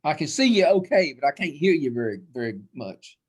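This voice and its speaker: A woman's voice: low-pitched, very animated, a little fast, a little mellow, slightly rough. A woman chatting casually as a remote participant in an online meeting. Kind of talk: casual chat.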